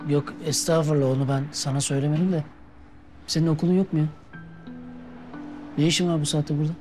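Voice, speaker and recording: A quick-talking man with a slightly high voice and soft music behind him. An actor plays a patient, easygoing man who teases gently and stays reasonable. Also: level tone, lightly acted. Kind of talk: TV drama acting.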